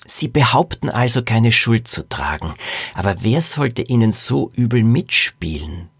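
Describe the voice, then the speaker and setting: A man's voice: medium pitch, very animated, a little slow, breathy edge, no echo, full character voice. A man reading as a probing girl detective. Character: sharp girl detective, questioning.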